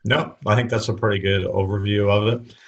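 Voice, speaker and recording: Fairly low in pitch and fairly even in intonation, this Chicago-suburbs man talks fairly quickly on lo-fi audio. He's a middle-aged retail educator guesting on a podcast interview, thoughtful and prone to repeating words when restarting phrases.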